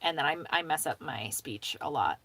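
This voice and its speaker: A young woman chatting casually on a live stream, rambling with lots of "um" and "like", laughing often and talking fast with some mumbling. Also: sits low, lively intonation, creaky, a bit bright, breathy edge, no room sound. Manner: talks fast and mumbles at times.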